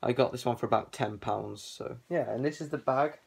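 A young man talks through a balaclava, his voice gravelly with creak. He rambles casually and hesitantly as he shows things off in a vlog, filling pauses as he goes. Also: medium pitch. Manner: rambling, hesitant, lots of fillers. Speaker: collector showing his collection. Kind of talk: casual show-and-tell vlog.

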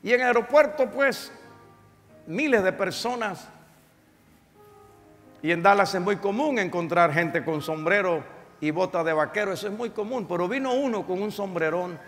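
High, bright-voiced pastor preaching. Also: male voice, moderate pace, big-room sound, faint music behind. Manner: dramatic storytelling, swings from shouting to hushed. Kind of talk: sermon. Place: church sanctuary.

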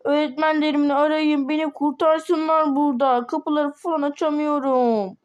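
A woman's voice: sits high, steady tone, moderate pace, highs cut off, natural voice. A woman voicing a scared little girl trapped in a school, pleading and calling out for her parents in a toy game role-play.

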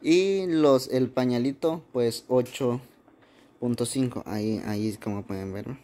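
Slow-talking vlog host. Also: male voice, mid-range voice, mellow, a little hiss or hum. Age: young adult. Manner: slow, explaining step by step. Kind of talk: casual narration to camera. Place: small bedroom, indoors.

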